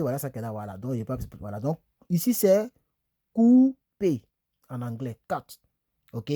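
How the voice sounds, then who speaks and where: A man's voice: high-pitched, dark tone, no room sound, clean studio sound. Chatty man teaching English verbs. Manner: chatty, repeats words slowly, asks "tu vois, non?". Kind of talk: casual video lesson. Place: small room, on a bed.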